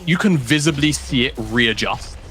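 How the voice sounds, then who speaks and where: A man casting an esports match at a studio desk, talking fast and laughing often between calls. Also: medium pitch, fairly bright tone. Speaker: esports caster. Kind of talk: play-by-play commentary and banter. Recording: faint music behind.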